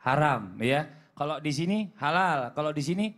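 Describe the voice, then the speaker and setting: A man hosting a religious TV show, chatty and lively, reading out viewer questions. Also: fairly high pitch, moderate pace. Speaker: TV show host. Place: TV studio.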